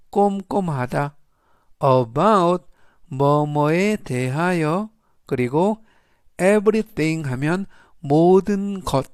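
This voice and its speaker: Male tutor, slightly high voice, models words loudly in a measured lesson. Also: no echo, studio quality. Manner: spells out stress and meaning, models English words loudly. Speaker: English vocabulary teacher. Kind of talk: slow scripted vocabulary lesson.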